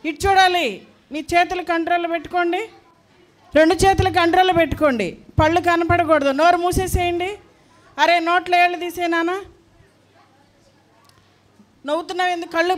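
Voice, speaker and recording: A woman teaching a class of young children at a church school, firm and coaxing, repeating her commands. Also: very high voice.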